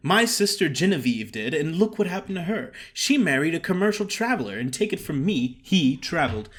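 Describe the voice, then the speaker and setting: Voicing a small, frank young chorus girl in an audiobook, a man acts out the character as chatty, earnest, and plain-spoken. His voice is a little high, very animated, and brisk, and the mood comes across as earnest and firm.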